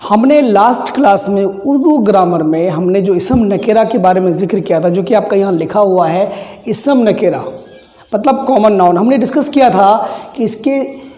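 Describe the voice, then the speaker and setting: A teacher walks through a grammar lesson, saying each term twice and firing off check questions. The tone is soft and mellow. The voice rings in an echoey indoor room with a long tail of reverb. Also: medium pitch. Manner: repeats key terms, asks quick check questions. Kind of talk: classroom grammar lesson at a board.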